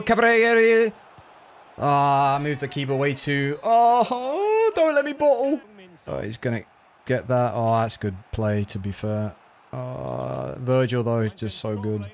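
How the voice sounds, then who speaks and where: Excitable man commenting on his gameplay. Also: medium pitch. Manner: excitable, jumps from groans to yelps. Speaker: gaming YouTuber.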